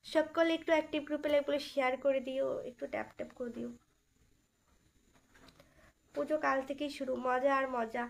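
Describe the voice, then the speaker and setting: Young female streamer, high-pitched, throat sore from illness; casual, teasing chat with viewers. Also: fairly even intonation, fairly quick, creaky, pauses often, slight background noise. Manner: chatty, teasing, greets viewers by name. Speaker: live stream host.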